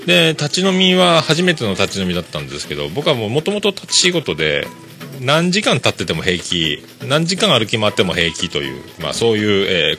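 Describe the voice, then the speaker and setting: A man's voice: fairly low pitch, sharp tone. A man from Fukuoka hosting a podcast, telling a casual story in a chatty, rambling way with many fillers. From Fukuoka, Japan. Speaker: podcast host.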